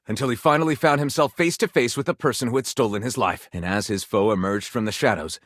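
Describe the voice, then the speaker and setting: Narrating pulpy adventure tales for a video game, a melodramatic male storyteller treats his scripted lines as grand theatre, grandiose and breathless. His pitch swings widely, and he draws out suspenseful pauses with overwrought relish. The slightly bright voice is recorded close and dry, with no echo.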